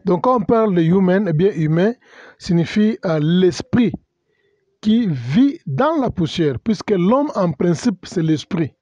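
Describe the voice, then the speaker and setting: A man's voice: high voice, expressive, a little slow, darkish tone, no room sound, dull audio. A male pastor giving a teaching sermon, hesitant and full of fillers, spelling out words and mixing in English terms. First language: bilingual English and French. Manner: hesitant, many fillers and self-corrections.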